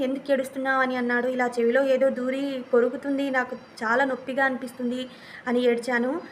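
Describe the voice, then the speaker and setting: A woman with a high voice tells a personal story to her viewers in a casual vlog. She speaks earnestly and plainly, often repeating herself as she goes. A faint hum of room noise sits underneath. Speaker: vlogger.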